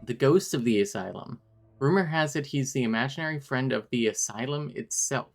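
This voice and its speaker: A man's voice: medium pitch, expressive, a little fast, lightly acted. A man reading an earnest young asylum boy. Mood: friendly.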